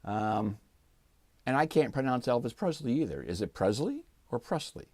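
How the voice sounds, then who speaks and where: A man hosting a guitar channel, chatting in a relaxed, folksy way while unboxing a new guitar. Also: medium pitch, moderate pace, dry recording. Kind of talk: casual unboxing vlog.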